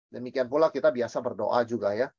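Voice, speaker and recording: A man, a pastor, teaching a Bible study in a lively, emphatic way, asking and answering his own questions and mixing in English words. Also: mid-range voice, fast talker, slightly rough, no room sound, highs cut off.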